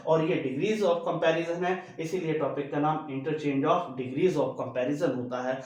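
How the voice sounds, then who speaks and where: A man teaching English grammar, explaining step by step and repeating each key rule. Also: a little high. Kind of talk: classroom-style grammar lesson. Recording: very echoey room.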